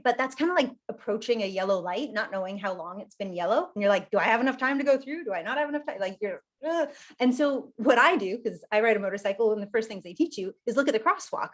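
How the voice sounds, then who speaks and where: A woman giving a live online workshop over a video call, talking in a lively, conversational way while standing. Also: mid-range voice, a little fast. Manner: lively and conversational, laughs often; talks while standing and gesturing. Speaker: workshop presenter.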